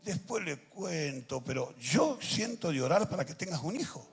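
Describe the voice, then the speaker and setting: Gravelly older Argentine pastor preaching. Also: male voice, fairly high pitch, big pitch swings, normal speed, faint music behind. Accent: Argentine Spanish. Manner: storytelling, swings from hushed to shouting. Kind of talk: testimony sermon. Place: large church with music behind.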